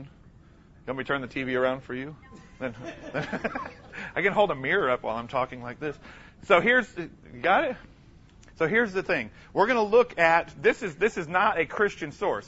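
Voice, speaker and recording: A man giving an energetic, humorous conference lecture, emphatic and calling out to the audience for responses. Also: fairly high pitch, highs cut off. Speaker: conference speaker.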